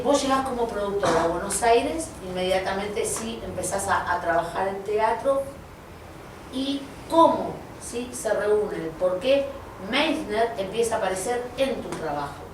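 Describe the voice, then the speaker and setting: A woman's voice: medium pitch, expressive, measured pace. Argentine woman asking questions in a hall. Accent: Argentine (Rioplatense). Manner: long, winding questions. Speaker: moderator. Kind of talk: panel questioning. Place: conference venue. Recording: echoey hall from far off with noise.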